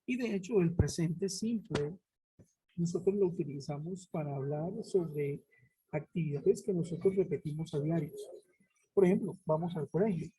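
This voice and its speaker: A woman's voice: low voice, normal speed, mellow, slightly rough, poor audio. A woman teaching an English grammar class over a web conference, explaining step by step and checking in with her students. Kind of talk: online class lecture. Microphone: web conference headset or laptop mic.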